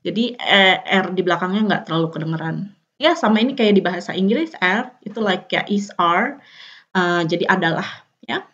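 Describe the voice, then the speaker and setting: A woman's voice: on the low side, moderate pace, fairly bright tone. A young woman with an Indonesian accent, teaching a casual language lesson and thinking aloud between words. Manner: thinks aloud, many fillers. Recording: dull, muffled sound.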